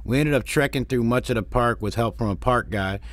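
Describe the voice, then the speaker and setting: A man's voice: medium pitch, fairly quick, fairly bright tone. A man from Detroit narrating a family road-trip vlog in a plainspoken, wry way, with dry complaints. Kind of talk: narrated travel recap.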